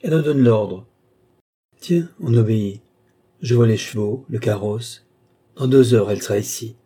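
A devoted young clairvoyant woman, read by a man softly recounts her trance visions at a slow, dreamy pace. The voice is dark and a little husky, in a storybook reading. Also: mid-range voice, lightly acted. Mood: dreamy entranced.

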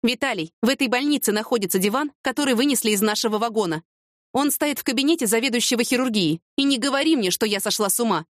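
A woman's voice: on the high side, expressive, quick pace, no echo, studio quality, pitched above the performer's own voice, lightly acted. A woman reading an audiobook, voicing a fiery, impulsive young woman with heated, emphatic retorts. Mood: insistent.

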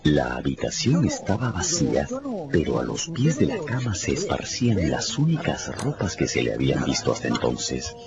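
A man narrates a radio novel in a dramatic, scripted storytelling style, with music running underneath a muffled production. His voice is extremely low, swings hugely in pitch, and moves at a normal speed.

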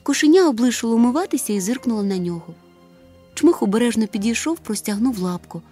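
A woman narrating a children's storybook in an expressive, lively way. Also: fairly high pitch, quick pace, faint music behind. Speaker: audiobook narrator.

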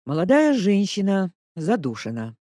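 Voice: mid-range voice, wildly swooping pitch, moderate pace, warm tone, no echo, voice pushed up. A reader voicing a stern male police investigator who answers in short, dry phrases. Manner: curt, dry replies.

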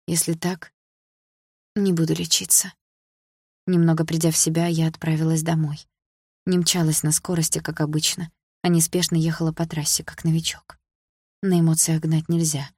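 Woman reading a romance audiobook, lowish voice, super dry sound. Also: little pitch movement, moderate pace, long pauses, warm tone, slightly rough, no echo. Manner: intimate, emotional storytelling. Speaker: audiobook narrator. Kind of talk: first-person novel reading.

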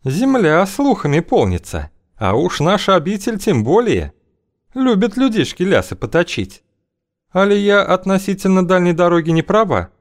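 A man's voice: high-pitched, big pitch swings, normal speed, voice pushed up. A man reading an audiobook, voicing a bold, scheming older woman matchmaker who talks in a languid, teasing, coaxing way.

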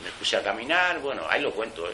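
A man with a low-side voice talks fast over slight background noise, in poor audio. A former prisoner giving testimony, he retells his experiences in animated, colloquial storytelling, blunt and full of slang and swearing, with many restarts.

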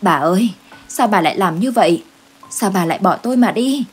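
A woman's voice: medium pitch, expressive, fairly quick, breathy edge. A woman voicing a grief-stricken old man who cries out for his dead wife in a told ghost story. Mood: anguished. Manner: loud, anguished.

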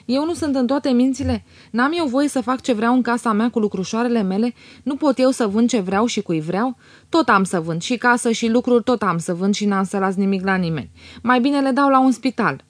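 A woman voicing a stingy, quarrelsome old man with a shrill, indignant voice in an audiobook reading. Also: lively intonation, no room sound, lightly acted.

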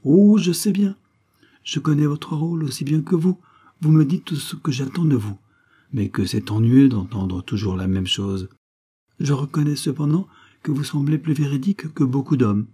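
A man's voice: fairly high pitch, moderate pace, warm tone, husky, pitched above the performer's own voice. A man voicing a poised, ironic young foreign woman who teases her suitor. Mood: teasing. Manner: mocking, poised, teasing.

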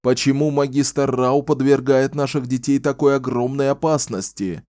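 A man's voice: medium pitch, steady tone, normal speed, a little mellow, dry recording, studio quality, pitched above the performer's own voice, lightly acted. An actor playing an impassioned male orator who harangues a crowd, pleading and declaiming. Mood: fervent.

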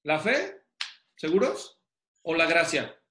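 Male Bible teacher, higher voice, explains step by step and quizzes the room; echoey hall. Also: wildly swooping pitch, slow pace, bright, forceful tone. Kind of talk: Bible study lecture.

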